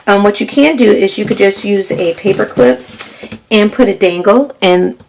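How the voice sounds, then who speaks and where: A woman with a slightly nasal, stuffy voice and a scratchy throat chats through a crafting tutorial step by step, asking "right?" as she goes. Her voice is mid-range, gravelly and darkish, at a moderate pace, in this casual demo.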